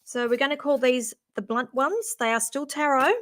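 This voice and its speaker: Speaking in a high, slightly bright voice, a middle-aged psychic reader chats her way through a relaxed live-stream reading, thinking aloud and repeatedly stopping, restarting and filling gaps.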